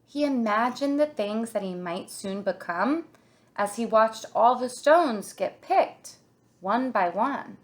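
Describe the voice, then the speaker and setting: A woman reads a children's picture book aloud like a kindergarten teacher, expressive and deliberate in her storytelling. Her voice is a little high.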